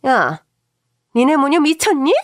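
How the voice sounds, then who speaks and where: A woman shouting as a furious older mother-in-law. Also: high voice, lively intonation, unhurried, no echo, clean studio sound, voice pushed up. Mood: shouting, accusing. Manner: yelling, accusing.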